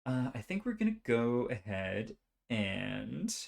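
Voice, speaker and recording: A man's voice: medium pitch, very animated, slow, vocal fry. A young man casually narrating his own turns in a solo tabletop board game, thinking aloud and counting dice as he goes.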